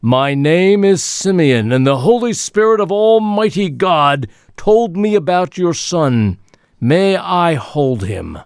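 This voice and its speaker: A man playing a gentle, solemn old man, drawing each word out slowly and reverently in a comic radio skit. The voice sits a little higher and louder than his usual talk, dry and close. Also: expressive, clear, resonant tone, no echo. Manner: slow, reverent, drawn-out.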